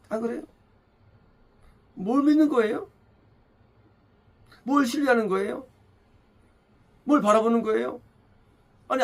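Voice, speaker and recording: In a church, a pastor with a high-pitched, creaky voice delivers a sermon. He drives his points home by repeating phrases and posing rhetorical questions.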